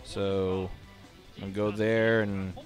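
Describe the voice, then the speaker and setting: A man's voice: on the low side, level tone, slow pace, faint music behind. A sleepy man casually commentating fighting game matches on a live stream, thinking aloud with many fillers. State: sleepy, yawning.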